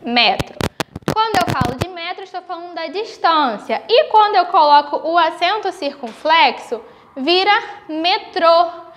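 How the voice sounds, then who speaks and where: A woman with a Brazilian Portuguese accent, teaching young children in a recorded video lesson, slowly stretching out the example words. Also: very high voice, lively intonation, slight background noise. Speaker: primary school teacher.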